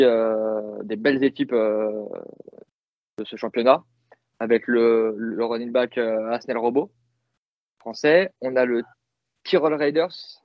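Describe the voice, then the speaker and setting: A man's voice: medium pitch, dry recording, dull audio. A man co-hosting a casual sports podcast, talking with many fillers and restarts. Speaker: podcast co-host.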